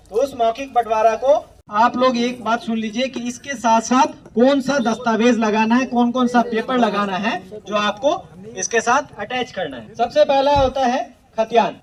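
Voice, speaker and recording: A man with a very high voice explains official procedure in a plain, instructive way, going back over his key points. He sounds set back from the microphone, a little distant. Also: a little mellow. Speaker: land revenue official explaining survey rules. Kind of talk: explanatory talk to villagers.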